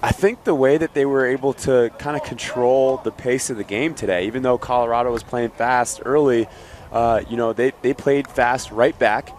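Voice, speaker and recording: A man's voice: medium pitch, steady tone, moderate pace, a little mellow, a little hiss or hum. A man giving color analysis on a lacrosse game, hesitant and full of fillers. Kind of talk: live sports color commentary.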